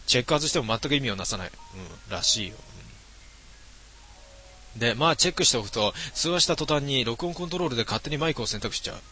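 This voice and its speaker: A man's voice: medium pitch, lively intonation, fast, bright, forceful tone, soft background music. A middle-aged man streaming late at night, reading viewer comments aloud in a casual, mumbling way with many fillers.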